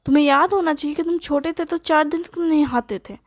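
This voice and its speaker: A woman's voice: high-pitched, no room sound. A woman voicing a nosy middle-aged mother who scolds and fires off questions at her son. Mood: scolding. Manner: scolding, rapid-fire questioning. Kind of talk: storytelling dialogue.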